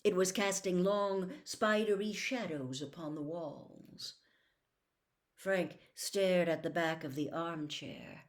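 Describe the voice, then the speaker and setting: A woman storyteller reads a novel aloud, her narration dramatic and expressive as she builds suspense with hushed emphasis. Her pitch is fairly low and her pace slow.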